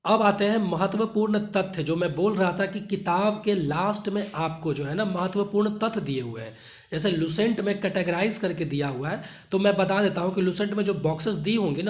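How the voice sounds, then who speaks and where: A man's voice: sits high, echoey room. A man teaching exam students which chapters to study, repeating points and checking in with short tag questions. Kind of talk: study guidance lesson.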